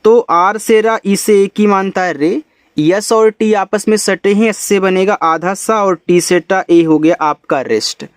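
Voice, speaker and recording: Man, teacher, spells words letter by letter, higher-pitched, dry recording. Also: smooth, no room sound. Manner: spells out letters slowly, then explains in Hindi. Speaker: English teacher. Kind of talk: spelling lesson.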